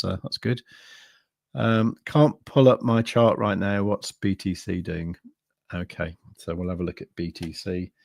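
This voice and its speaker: With a darkish voice on the low side, a man runs a crypto live stream, talking in a rambling, casual way full of fillers and restarts. There's no echo on the recording.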